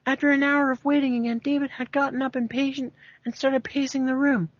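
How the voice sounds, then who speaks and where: Reading fanfiction aloud fairly quickly, an amateur narrator with a high, flat voice fumbles words and sounds entertained, adding casual asides to her dramatic reading. It's a dry, muffled recording made at home.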